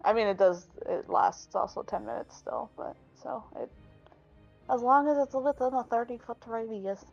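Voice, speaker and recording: A woman's voice: on the high side, moderate pace, creaky, darkish tone, highs cut off, faint music behind. A woman chatting casually as a player in a tabletop roleplaying game.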